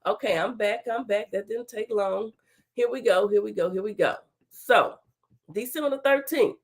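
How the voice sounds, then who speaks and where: Hosting her own talk show from a home studio with a virtual background, a middle-aged woman with a stuffy cold reads court papers aloud. Her voice sits at medium pitch and moderate pace, and she keeps breaking off for sassy, chatty asides while sounding under the weather.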